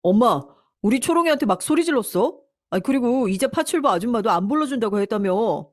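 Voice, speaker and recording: A woman's voice: fairly high pitch, animated, a little fast, pitched above the performer's own voice. A woman voicing a grown son who whines and accuses his mother indignantly. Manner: whining, accusing.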